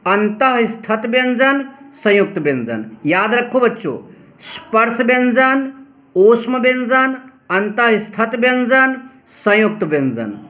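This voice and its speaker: A male teacher giving a lesson, repeating each definition slowly and calling on his students to pay attention. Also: very high voice, bright, forceful tone. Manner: addresses students directly, often says "pay attention". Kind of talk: classroom lesson explaining grammar.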